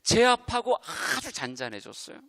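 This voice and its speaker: A middle-aged male pastor giving a lively revival sermon, acting out quotes and talking straight to the congregation. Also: high voice, normal speed. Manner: animated, acts out quotes, chats with the congregation. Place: church sanctuary. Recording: long church hall reverb.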